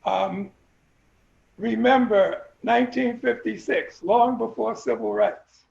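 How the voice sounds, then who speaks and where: Older alumnus guest, raspy and high-pitched, wry storyteller, roomy lo-fi audio. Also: male voice, darkish tone. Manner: wry, joking, addresses the group directly. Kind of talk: casual reminiscing.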